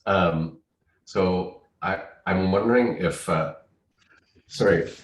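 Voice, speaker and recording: A man hosting an online meeting, losing his voice, halting with many fillers and clearing his throat. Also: low voice, fairly bright tone, reverberant, recorded from a distance, highs cut off. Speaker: host. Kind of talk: informal online meeting welcome.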